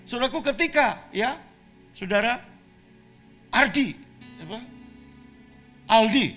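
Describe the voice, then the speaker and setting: A male pastor from Indonesia preaching a sermon, swinging from quiet asides to shouted declarations. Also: very high-pitched, expressive, slow, faint music behind.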